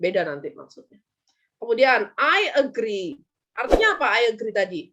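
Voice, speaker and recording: A woman's voice: a little high, very animated, normal speed, a bit bright, slight background noise. A woman with an Indonesian accent teaching English vocabulary in an online class, quizzing her students and acting out example lines.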